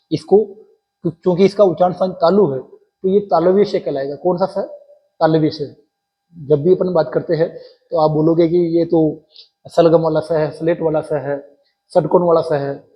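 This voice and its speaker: Husky male teacher quizzing his students. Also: a little high, muffled recording. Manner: explains step by step, quizzes students with repeated questions. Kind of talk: exam-prep Sanskrit lesson.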